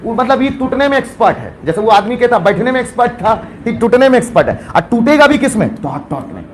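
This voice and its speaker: A young male chemistry teacher lectures a classroom in a high, bright voice. He turns his lesson into jokey stories and keeps firing questions at the students. A faint hiss of noise sits under him. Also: big pitch swings, fast talker. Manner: playful, storytelling, quizzes students.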